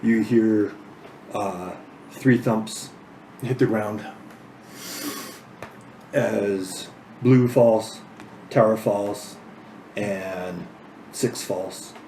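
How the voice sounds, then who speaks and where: A man narrating a tabletop game as game master, slow and halting, with many fillers. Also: lowish voice, fairly even intonation, warm tone. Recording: echoey room with background noise.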